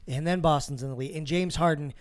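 A man's voice: a little high, fast, dry recording. Chill guy on a sports pod, swears a lot, dry sound. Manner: laid-back, swears freely. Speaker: podcast co-host. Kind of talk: casual sports chat.

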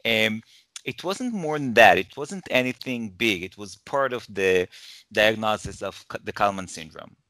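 Low bright-voiced man from Israel. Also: expressive, measured pace, dry recording. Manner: hesitant, many repeated words. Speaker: guest, professor. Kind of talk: interview conversation.

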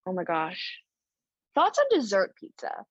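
A woman with a husky voice co-hosts a podcast, and her pitch swings up and down as she talks. She rambles playfully through loose, filler-heavy casual chat. The sound is dry and a little dull, like a lo-fi home mic. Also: very animated, unhurried, no echo. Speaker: podcast co-host.

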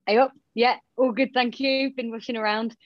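A Romanian woman with a Yorkshire accent chats openly as a podcast guest in a casual interview, full of fillers. Her voice is on the high side with fairly even intonation at normal speed. There's no room sound, though the audio is dull and muffled.

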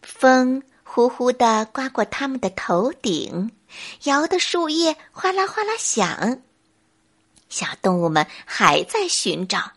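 A woman narrating a children's bedtime story in a gentle, expressive way. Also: sits high, takes it slowly.

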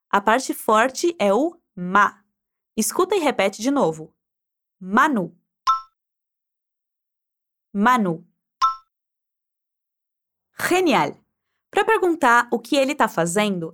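Woman, Spanish teacher, high animated voice, encouraging drill style. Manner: encouraging, prompts listener to repeat aloud. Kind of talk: guided pronunciation drill.

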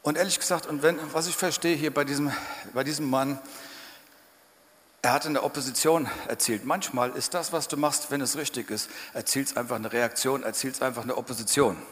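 A man preaching a sermon in church, emphatic and dramatic, sometimes breaking into loud shouts. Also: mid-range voice, fairly even intonation, fairly quick. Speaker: pastor. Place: church hall. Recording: church hall reverb.

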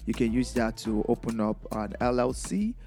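A man's voice: mid-range voice, expressive, moderate pace, dark tone, soft background music. A man from Nigeria with a Nigerian accent, a DJ giving casual, chatty advice in a vlog and laughing often.

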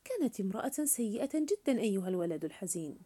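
A woman's voice: medium pitch, sing-song, fast talker, dark tone, slightly rough. A woman voicing a mocking, cruel teenage boy who taunts in a sneering tone in a storybook reading. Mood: taunting.

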